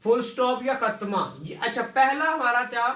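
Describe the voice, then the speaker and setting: A man's voice: very high-pitched, normal speed, sharp tone. A man teaching a classroom lecture, repeating words and quizzing students with questions. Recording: echoey room, distant mic.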